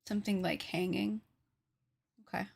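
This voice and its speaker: A woman in her late twenties chats casually with her live-stream viewers as she crafts, joking with chat and poking fun at herself. Her voice sits on the low side with fairly even intonation and a moderate pace, carrying vocal fry, a slightly mellow quality, and a breathy edge.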